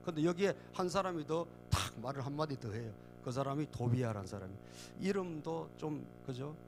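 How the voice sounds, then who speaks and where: Korean pastor preaching with call-and-response. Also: male voice, fairly high pitch. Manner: asks the congregation "예?" again and again; acts out mocking enemy voices. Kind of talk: sermon. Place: church sanctuary.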